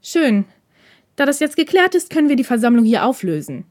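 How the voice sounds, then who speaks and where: A woman's voice: on the high side, animated, fairly quick, mellow, breathy edge, no room sound, clean studio sound, voice pushed up. Woman doing an icy, stern male dorm head. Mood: cold. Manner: icy and clipped.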